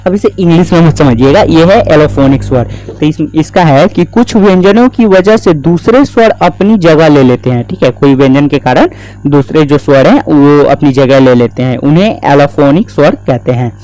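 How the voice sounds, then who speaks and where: A man teaches a grammar lesson in a casual, conversational way, often posing a question and then answering it himself. His voice sits a little high but sounds mellow and soft-edged. Faint music plays underneath. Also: normal speed, rough recording. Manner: explains step by step, asks and answers his own questions; casual, repeats "theek hai" and "na" as checks. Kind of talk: exam-prep grammar lesson.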